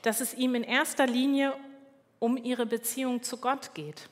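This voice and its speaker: A woman giving a sermon in a calm, measured way, now and then correcting herself. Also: on the high side, big-room sound. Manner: calm, measured, with small slips and self-corrections. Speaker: preacher.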